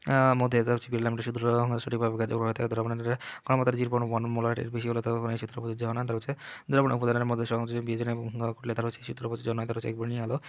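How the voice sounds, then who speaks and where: Rapid-fire male chemistry tutor. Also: mid-range voice, no echo, dull audio. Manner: rattles through points, repeating a stock connective between items. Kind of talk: rapid exam revision lecture.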